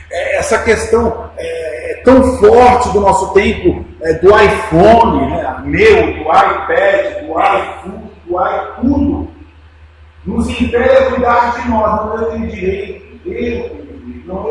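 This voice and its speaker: A male pastor with a Brazilian Portuguese accent, his voice sitting high, preaches a Sunday sermon in a church sanctuary. He's emphatic, swinging from quiet to loud and calling listeners brothers and dear ones. The church is very echoey, with noise in the recording.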